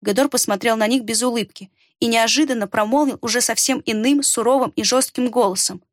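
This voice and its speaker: A woman reads a fantasy story in steady, measured narration. Her voice sits a little high and sounds dry and close to the mic. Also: no echo. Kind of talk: scripted audiobook narration.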